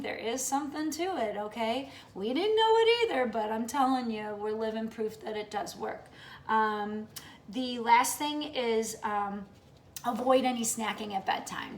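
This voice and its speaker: A woman's voice: fairly high pitch, reverberant, a little hiss or hum. A woman in her late fifties talking casually to her viewers in an upbeat, chatty way, often checking in with "okay?". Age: late 50s. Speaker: vlogger. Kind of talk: casual vlog talk to viewers.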